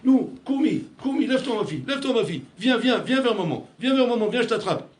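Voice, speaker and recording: A desperate mother calling her little girl again and again, high and pleading, as a preacher puts her on in his sermon. The voice climbs well above his own and keeps pushing each call with urgency. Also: animated, fast talker, a little hiss or hum. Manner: pleading, urgent, repetitive calls. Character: frantic mother screaming to her sleeping daughter.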